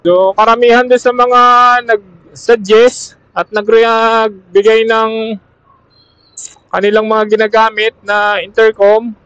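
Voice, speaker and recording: This high-pitched man talks slowly and flatly, his tone fairly bright and clean in a dry recording. He's a Filipino-accented motovlogger reviewing gear, casually addressing fellow riders while riding a motorcycle outdoors on a road. A helmet intercom over Bluetooth acts as his external camera mic, leaving the sound dull and muffled.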